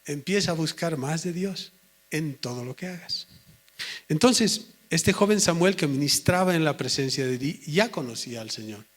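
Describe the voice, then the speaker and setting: A man preaching a sermon in an earnest way, slowing right down to stress his points. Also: a little high, lively intonation. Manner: earnest, slows down sharply for emphasis.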